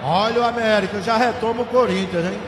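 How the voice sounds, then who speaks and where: A Brazilian man calls football play-by-play in a high-pitched voice, excitable and colloquial, leaning on stock phrases. The sound is echoey and noisy, as from a live stadium stand. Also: fairly quick. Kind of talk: Brazilian football radio narration. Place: open stadium press stand. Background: stadium crowd ambience.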